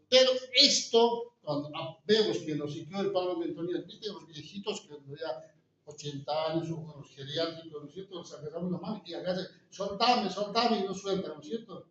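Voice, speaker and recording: A man lectures to a class, checking in with the room through constant rhetorical questions. His voice sits a little high and comes from a distance. The room is very echoey, and the recording sounds dull and muffled, with faint noise behind it. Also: a bit bright.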